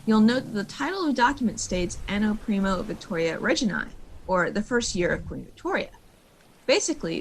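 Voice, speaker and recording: A woman's voice: medium pitch, slight background noise, rough recording. A woman museum curator narrating a scripted virtual tour, playful and dropping jokey asides.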